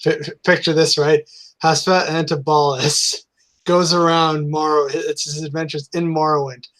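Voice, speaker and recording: An excitable man with a higher-pitched voice chats on a video call. He cuts in eagerly and swears freely. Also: normal speed. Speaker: podcast guest. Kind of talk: casual chat.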